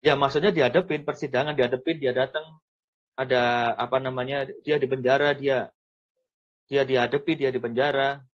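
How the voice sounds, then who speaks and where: A man's voice: mid-range voice, steady tone, normal speed. A man interviewing as a journalist, polite and deferential, often murmuring agreement. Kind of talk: conversational interview. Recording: dull lo-fi sound.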